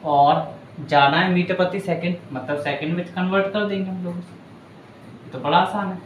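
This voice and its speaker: A man with a fairly high voice explains a physics problem step by step, in a patient and chatty way that keeps checking in with his students. The room is roomy and echoey, with a faint hiss of noise underneath. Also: fairly even intonation, moderate pace. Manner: patient, chatty, addresses students as bhaiya and beta. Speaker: physics teacher. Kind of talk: board lesson explaining a numerical.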